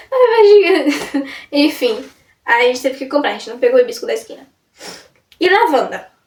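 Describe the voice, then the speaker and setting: A woman's voice: high voice, lively intonation, fairly quick, slight background noise. A young woman vlogging in a casual, rambling way, often breaking off and restarting her sentences. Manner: rambling, self-interrupting, chatty. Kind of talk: casual chat to camera. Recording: roomy sound from a distance off the mic.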